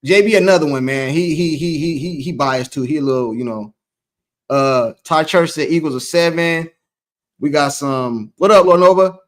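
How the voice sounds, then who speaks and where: High-voiced man hosting a sports chat. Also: normal speed. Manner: loose, rambling, repeats himself. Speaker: host.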